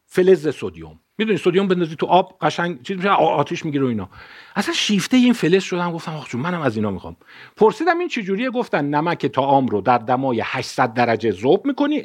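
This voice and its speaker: With a voice on the high side, a fifty-something lecturer delivers a public science talk. He tells stories with animation, mixing concepts and a personal anecdote, and keeps correcting himself along the way.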